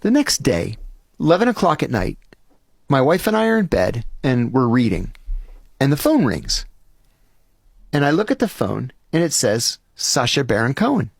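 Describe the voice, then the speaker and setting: A man's voice: medium pitch, normal speed, vocal fry, pauses often, no room sound, studio quality. A man telling a long anecdote on a podcast as a guest, animatedly acting out each voice in the story. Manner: animated, acts out each quoted voice. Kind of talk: storytelling anecdote in casual chat.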